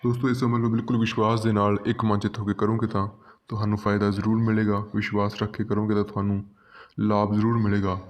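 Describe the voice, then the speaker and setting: A man, hosting a channel and calmly giving step-by-step religious instructions to his viewers. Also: fairly low pitch, fast. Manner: calm, repetitive, addresses listeners as friends.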